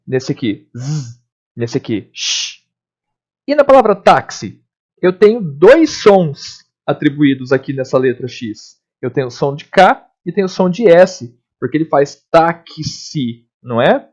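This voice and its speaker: Lively male teacher explaining phonetics. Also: fairly high pitch. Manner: lively, explanatory, frequent check-ins with listeners. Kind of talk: recorded classroom lesson. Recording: dull lo-fi recording.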